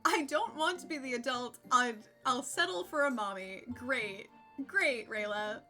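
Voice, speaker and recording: A woman's voice: fairly high pitch, animated, measured pace, sharp tone, soft background music. A young adult woman streaming a game live, chatting casually with frequent giggles and reading game text aloud.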